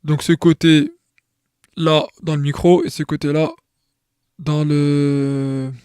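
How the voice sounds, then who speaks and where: This tutorial maker speaks slowly and flatly, his slightly high voice darkish, clear, and resonant in a dry, clean studio recording. Explaining step by step in a casual style, he restarts often, repeats words, and checks in with the viewer.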